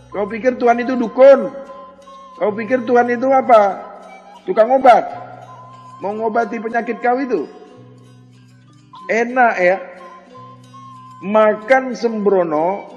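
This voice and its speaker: A man with a high voice delivers a sermon to a gathered audience, scolding his listeners with a string of rhetorical questions. The voice rings through a hall with a long reverb tail, and faint music sits under the talk. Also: muffled recording. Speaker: religious teacher.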